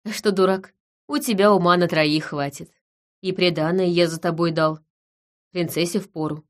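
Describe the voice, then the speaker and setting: Женщина озвучивает угрюмого мужчину-чудовище. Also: female voice, lowish voice, steady tone, normal speed, close to an everyday voice. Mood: gruff. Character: gruff man, brooding forest monster lord. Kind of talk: audiobook reading.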